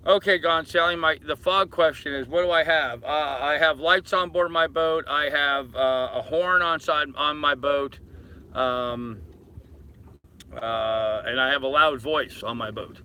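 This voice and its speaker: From a boat lying at anchor, an older live-stream host chats casually, rambling while reading out and replying to comments and addressing viewers like friends. He has a fairly high-pitched, sharp, smooth voice and speaks at a measured pace.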